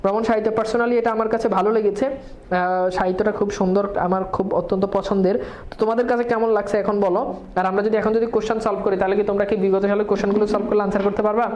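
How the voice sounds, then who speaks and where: A woman's voice: medium pitch, fairly even intonation, darkish tone, echoey room. A woman teacher, quizzing students in an exam-prep lesson and mixing English words into her speech. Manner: quizzing students with quick questions and answers.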